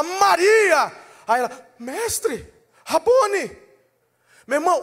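Impassioned high-voiced man preaching. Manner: dramatic, acts out scenes with voices, shouting at peaks. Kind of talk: sermon.

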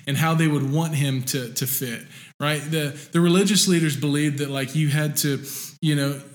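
A man preaching a sermon in a relaxed conversational way, with many fillers and restarts. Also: a little high, moderate pace. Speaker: pastor.

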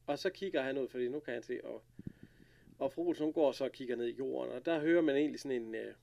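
A man casually recapping an episode, retelling scenes with lively quoted lines and laughter. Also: medium pitch, vocal fry. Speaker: podcast co-host recapping an episode. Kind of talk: casual chat.

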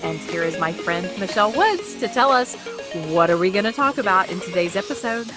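A woman hosting a casual podcast, playful and quick to laugh. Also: mid-range voice, over music. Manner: laughs often, animated and playful. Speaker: podcast host.

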